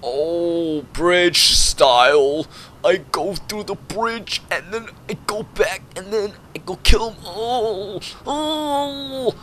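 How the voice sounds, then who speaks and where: A young man giving jokey, rambling commentary over a shooter game, breaking into excited yelps and laughter. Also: high-pitched, takes it slowly, hardly any pauses, a little hiss or hum. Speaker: gameplay commentator. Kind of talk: goofy live gameplay commentary.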